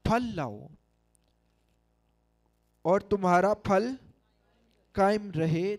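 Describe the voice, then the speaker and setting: Slow, high-voiced preaching man. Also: a little mellow. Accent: Pakistani Urdu. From Pakistan. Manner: preaching with rising, emphatic calls to the congregation. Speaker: pastor. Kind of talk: sermon. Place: large church hall, standing at a pulpit. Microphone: handheld microphone.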